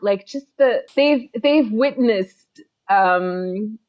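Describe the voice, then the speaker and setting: Slow-talking casual woman on a dull mic. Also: mid-range voice. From Sudan. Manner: casual, swears, hesitant fillers. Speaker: podcast co-host. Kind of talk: casual podcast chat.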